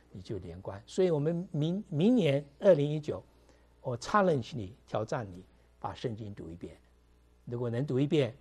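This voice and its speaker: Speaking to his congregation, this middle-aged pastor delivers a chatty sermon full of fillers and sprinkled with English words. His voice sits in the mid range, mellow with a breathy edge.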